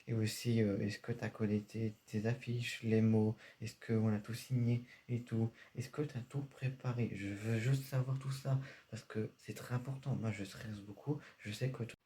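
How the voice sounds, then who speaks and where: Brief: mellow-voiced stressed dad, scolds and repeats himself , played by a man in a home sketch. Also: on the low side, flat delivery, moderate pace, hardly any pauses, close to an everyday voice. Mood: worried. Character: strict worried father scolding his son. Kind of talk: homemade comedy sketch.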